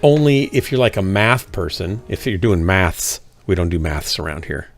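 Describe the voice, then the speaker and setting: A man's voice: deep voice, animated, moderate pace, faint music behind. A man hosting a live game stream, chatting casually in a joking, drily teasing way. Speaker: streamer and host.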